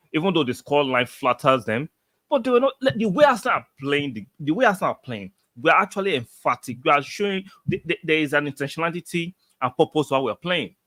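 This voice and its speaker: A man talks fast and emphatically on a football reaction livestream, repeating himself for effect. His voice is bright and forceful, recorded close and dry with no room sound. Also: on the high side, no echo. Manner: emphatic and repetitive, reads out viewer comments. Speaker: football fan livestream host. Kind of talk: excited match reaction livestream.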